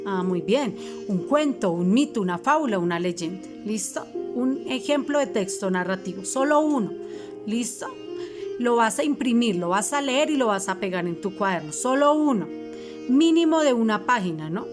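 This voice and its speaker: Give me a woman recording a lesson for fifth graders, her voice pitched a little high and her instructions patient and careful. Faint music plays behind her. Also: animated, moderate pace. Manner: patient, reminding, spells things out for children. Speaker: fifth-grade Spanish teacher.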